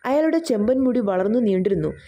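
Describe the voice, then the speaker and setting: A woman narrating a novel in the first person, reading in a measured, expressive way. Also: on the high side, muffled recording.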